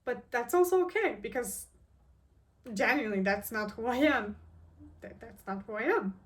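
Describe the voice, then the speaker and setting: A woman's voice: a little high, expressive, moderate pace, distant mic. A woman of twenty-three from Turkey, talking earnestly to camera and thinking aloud, with lots of "like" and restarts. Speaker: vlogger. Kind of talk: casual reflective talk to camera.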